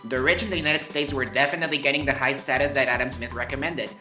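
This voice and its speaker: A man's voice: mid-range voice, steady tone, fast, bright, forceful tone. A man narrating a scripted history lesson as host, with playful, wry asides and words stretched for emphasis. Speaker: host of a history explainer show. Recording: roomy echo, faint music behind.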